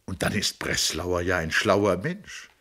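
A man reading a novel aloud, voicing a middle-aged senator who gently reassures his sister. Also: deep voice, sing-song, a little slow, full character voice. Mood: consoling. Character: calm, consoling middle-aged male senator.

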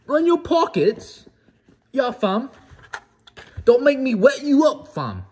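A man's voice: big pitch swings, slow, husky, exaggerated voice. A young man voicing a mocking impression of a teenage British street tough, boastful and threatening in heavy slang. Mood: taunting. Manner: exaggerated slang-heavy taunting, high and shouty.

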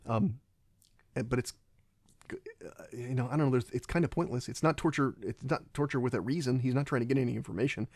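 A man's voice: mid-range voice, darkish tone, dry recording. A man giving a casual, rambling film commentary, often stopping and restarting his sentences. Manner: halting and rambling, many restarts.

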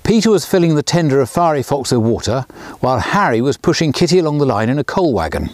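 Reading quickly from his own children's book, a sixty-something author performs outdoors next to a small railway, pitching his voice up for each character. He's a lively storyteller, and the recording carries no room sound.

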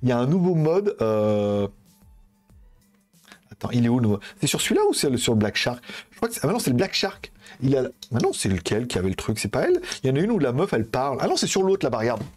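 A man's voice: medium pitch, very animated, quick pace, a little mellow, faint music behind. A man in a casual live stream, rambling and joking about phones and his plans, swearing now and then while he handles the devices. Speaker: tech streamer.

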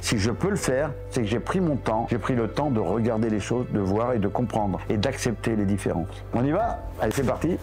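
A man in his seventies, a reptile keeper, giving a lively casual tour and coaxing his animals in a higher voice. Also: a little fast, hardly any pauses, soft background music. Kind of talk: casual guided explanation.

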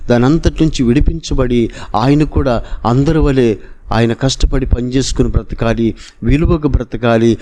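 Earnest Telugu preacher man, mellow voice. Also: medium pitch. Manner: earnest, rising to emphatic exclamations. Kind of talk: Telugu sermon storytelling.

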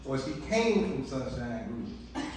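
A man's voice: medium pitch, expressive, moderate pace. A man co-hosting a family vlog, bantering playfully to the camera at the breakfast table with lots of restarts. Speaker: husband and co-host of a family vlog. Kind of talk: casual chat to camera. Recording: roomy echo, distant mic, faint noise.

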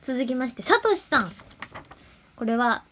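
A young woman, chatting playfully on a solo livestream and sometimes dropping to soft murmurs and whispers. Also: a little high, big pitch swings, unhurried, slight background noise. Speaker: idol livestreamer. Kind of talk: casual solo livestream chat.

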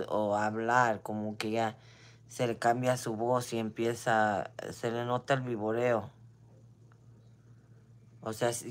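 Speaking in a bass voice, a woman with a Mexican Spanish accent rants casually on her own, blunt and loaded with slang and curses. Every so often she slips an English phrase in.

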